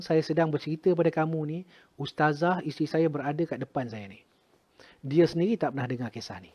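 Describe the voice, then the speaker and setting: A middle-aged man with a Malaysian Malay accent, a retired army officer telling a personal story with drama, swinging between loud exclamations and hushed murmurs. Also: a little high, muffled recording.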